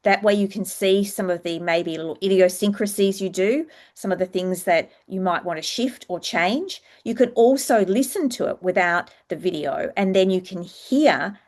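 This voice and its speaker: A woman working as a public speaking coach, giving a structured, instructive presentation with clear explanations. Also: mid-range voice, moderate pace, hardly any pauses, darkish tone.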